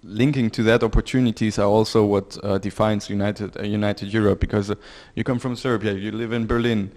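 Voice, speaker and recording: A young adult man from Belgium contributes to a panel discussion, speaking into a handheld microphone in a medium-sized indoor room with a seated audience. His voice is low-toned and even, and he talks briskly.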